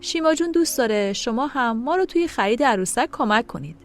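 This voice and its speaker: A woman reading the lines of an earnest young man, a gentle former fiancé, in an audio story. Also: fairly high pitch, expressive, slight background noise, close to an everyday voice.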